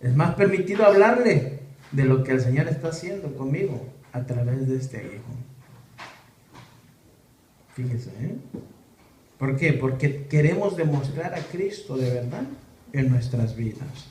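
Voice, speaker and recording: A man's voice: medium pitch, expressive, unhurried, pauses often, warm tone. A man preaching a sermon, with many rhetorical questions to the congregation. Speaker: pastor. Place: church hall. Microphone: camera or phone in the room. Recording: echoey church room, faint noise.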